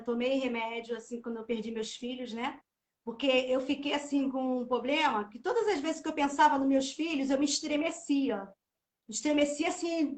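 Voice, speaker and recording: Her voice sits high and echoes around the room as this middle-aged woman, who hosts a live church chat series, recounts an emotional testimony. The talk is casual and chatty, filled with repeated "né".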